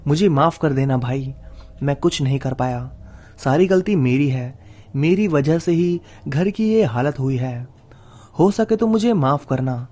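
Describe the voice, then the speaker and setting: Narrator doing guilt-ridden young man, desperate, pleading, slightly higher voice. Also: measured pace, mellow. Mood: remorseful.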